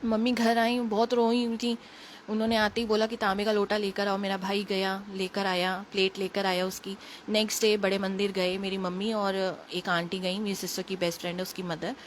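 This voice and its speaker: A woman with a Delhi accent telling an emotional personal story in quick, earnest casual speech, recorded on a phone. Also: medium pitch, little pitch movement, slight background noise. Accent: Delhi Hindi. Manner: earnest, emotional, quick retelling with quoted dialogue. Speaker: devotee sharing a testimony.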